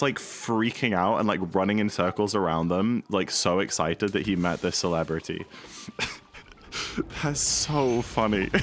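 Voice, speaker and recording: A man's voice: lowish voice, a bit bright. A man streaming a speedrun, chatting casually and rambling with lots of fillers while he reads and answers his chat.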